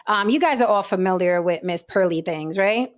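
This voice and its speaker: Brief: forties woman, talk-show host, chatty storyteller, average pitch. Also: moderate pace. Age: 40s. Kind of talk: casual panel chat.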